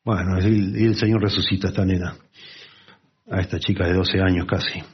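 A man's voice: deep voice, brisk, breathy edge. Male preacher, grainy voice, conversational Bible teaching, muffled lo-fi sound. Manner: lively, conversational, with asides and acted-out quotes. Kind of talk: expository Bible sermon.

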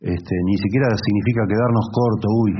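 A man with an Argentine accent preaches in a deep, low voice, explaining scripture with earnest, teacherly patience. The recording is slightly dull and carries a faint noise behind him. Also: normal speed. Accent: Argentine Spanish. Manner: earnest, teaching, with frequent "¿no?" and "¿sí?" checks. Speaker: pastor and marriage counselor. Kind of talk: sermon.

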